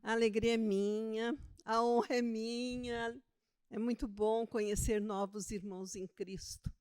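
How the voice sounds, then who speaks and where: This older theologian and author from Pernambuco, in Brazil's Northeast, is a guest in a relaxed interview, speaking in a smooth, fairly high voice. She pokes fun at herself and laughs easily as the conversation flows.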